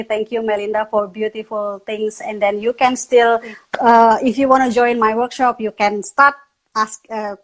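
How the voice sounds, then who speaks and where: A woman's voice: fairly high pitch, low-quality recording. A woman from Indonesia, speaking English as a meditation teacher in a casual online interview, often restarting her sentences. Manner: non-native English with restarts, laughs often. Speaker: meditation instructor, guest.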